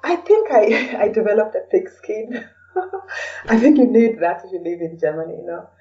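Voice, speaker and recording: Warm and expressive, this Kenyan-accented woman talks at a moderate pace in a mid-range voice, peppering her answers with "you know" as a guest in a relaxed interview. The sound is distant and a little dull.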